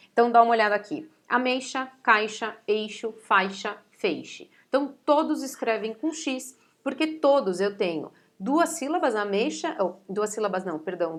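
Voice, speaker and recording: A woman with a Brazilian Portuguese accent, a teacher explaining spelling rules step by step and often checking in with her students. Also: a little high. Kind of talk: recorded spelling lesson.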